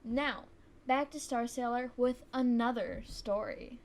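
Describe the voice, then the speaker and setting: A woman's voice: fairly high pitch, takes it slowly, darkish tone. A woman narrating a scripted storytime in an upbeat, playful way. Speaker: guest storyteller.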